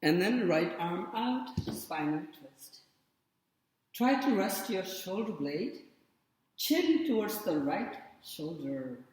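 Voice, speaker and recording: A man guiding a yoga class with calm, short spoken cues and pauses between them. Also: high voice. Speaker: yoga instructor. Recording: very echoey room with long reverb.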